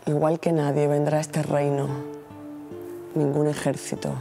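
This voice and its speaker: A woman in her forties, a poet reciting her own poem in a measured, solemn way. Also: deep voice, level tone, vocal fry, over music. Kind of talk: poetry reading.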